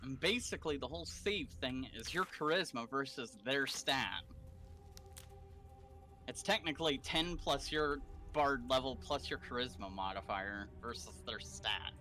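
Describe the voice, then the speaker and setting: A man's voice: mid-range voice, unhurried, pushed and bright, faint music behind. A young man playing a co-op game, explaining its mechanics casually and swearing freely. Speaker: co-op gamer. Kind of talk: casual gaming chat.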